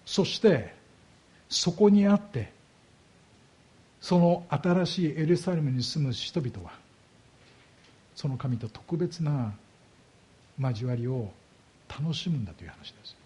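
A man's voice: fairly high pitch, animated, mellow, husky. A man preaching a sermon as a pastor, explaining scripture and asking his congregation rhetorical questions. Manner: slows down heavily on key words.

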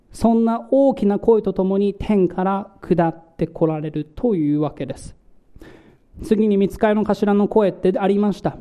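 High-voiced, dark-toned preaching man. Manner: asks the congregation questions and explains scripture slowly. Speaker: pastor. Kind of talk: sermon.

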